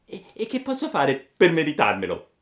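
Pinocchio, a man doing a shrill, excitable puppet boy. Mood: eager. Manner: high, loud and excitable, drawn-out pleading. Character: mischievous wooden puppet boy, impulsive and eager. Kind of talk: storybook reading.

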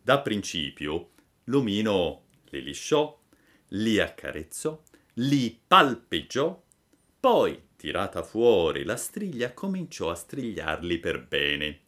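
Slow, expressive male storyteller. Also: sits low. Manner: expressive, dramatic reading. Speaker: narrator. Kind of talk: storybook reading.

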